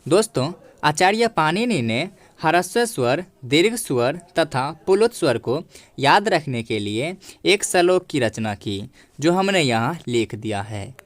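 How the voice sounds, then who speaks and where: A man's voice: on the high side, very animated, unhurried. A man teaching a grammar lesson, explaining each point patiently and repeating it, speaking to viewers as friends.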